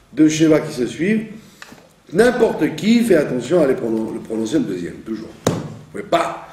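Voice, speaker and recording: A man's voice: mid-range voice, darkish tone. A man teaching the reading of Hebrew prayer, patiently explaining and often checking that he has been understood. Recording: echoey room, from a distance.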